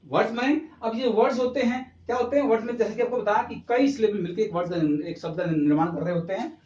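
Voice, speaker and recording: Male teacher, high voice, quizzing himself as he teaches, recorded from a distance. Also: darkish tone. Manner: asks the class questions and answers them himself; mixes English terms into Hindi speech. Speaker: English teacher. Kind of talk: classroom lesson at a board. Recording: roomy, distant, slightly dull camera audio.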